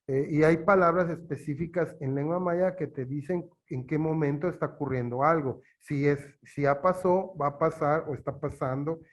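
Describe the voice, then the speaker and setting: With a fairly high voice, a Yucatán Spanish–accented man from Mexico's Yucatán teaches in an interview setting. He explains at a slow, hesitant pace, using many fillers.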